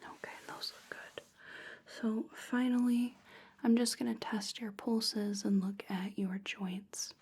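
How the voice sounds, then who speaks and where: A woman in a whispered ASMR role-play as a clinician, speaking in a breathy, unvoiced whisper with a soft, soothing, clinical delivery. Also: fairly high pitch, steady tone, slow pace. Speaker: clinician giving a physical exam.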